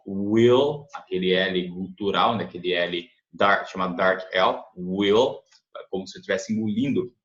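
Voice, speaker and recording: Low-voiced Brazilian man teaching English, echoey. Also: fairly bright tone. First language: Portuguese. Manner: explanatory, repeats words slowly for pronunciation, frequent tag questions. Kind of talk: language lesson, translating and explaining. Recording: echoey, dull lo-fi room recording.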